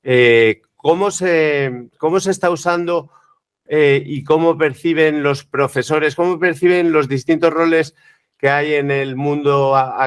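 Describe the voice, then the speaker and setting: A man's voice: medium pitch, clear, resonant tone. A man who hosts the interview, asking long questions with frequent "¿no?" tags. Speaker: interviewer host. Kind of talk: interview conversation.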